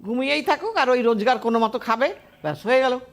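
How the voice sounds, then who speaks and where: A woman's voice: a little high, animated, fast. A woman astrologer, giving firm, emphatic predictions to callers on a TV call-in show.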